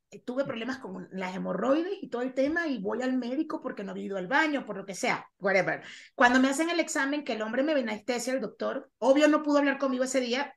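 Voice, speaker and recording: Woman guest on a video call, slightly high voice, frank and lively when she tells stories. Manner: expressive storyteller, frank and lively. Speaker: podcast guest. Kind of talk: casual conversation on a video call.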